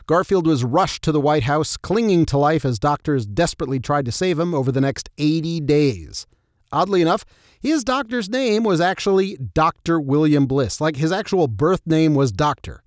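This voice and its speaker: A man's voice: fairly high pitch, sing-song, moderate pace, no room sound, clean studio sound. A man narrating scripted history in a true crime storyteller's style, with wry, tongue-in-cheek asides. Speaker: narrator and host of a history show.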